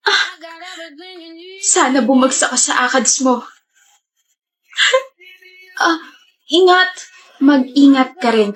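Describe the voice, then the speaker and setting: High-voiced woman in a comedy skit, sharp tongue, calls out a cheater. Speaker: lead actress in skits.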